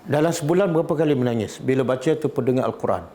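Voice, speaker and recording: A man's voice: medium pitch, racing, warm tone, slight background noise. Malaysian man giving a Quran lesson. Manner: asks the audience questions often, repeats key words. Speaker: religious teacher. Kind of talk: Quran study lecture.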